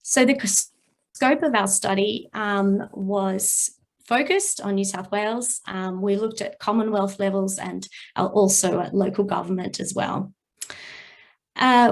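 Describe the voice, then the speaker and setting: A woman who is a research director, briskly presenting study findings at an online event, with a frequent "um". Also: mid-range voice.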